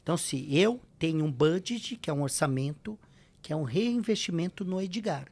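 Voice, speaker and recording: A man with a Brazilian accent and a somewhat high voice speaks as a podcast guest. He has a slight tongue-tie and lays out motivational advice emphatically, point by point, with rhetorical questions. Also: animated, normal speed, darkish tone. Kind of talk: motivational advice in a casual interview.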